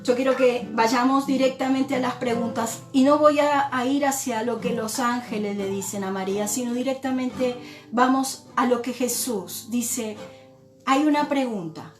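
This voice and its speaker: A woman pastor from Argentina, preaching a sermon in a slow, reflective way and often repeating words as she thinks. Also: a little high, echoey room, faint music behind.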